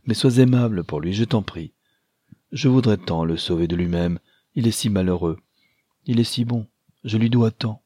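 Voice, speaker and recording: A man voicing an earnest, gentle young woman who speaks warmly of her brother in an audiobook. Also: on the low side, moderate pace, husky, dry recording, studio quality. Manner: pleading, earnest. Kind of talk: audiobook character voice.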